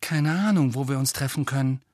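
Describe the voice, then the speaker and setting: A man's voice: mid-range voice, fairly quick, a little mellow, no room sound, studio quality, close to an everyday voice. A man reading an audiobook, voicing an eager, unsure teenage wizard boy in a youthful, slightly raised voice.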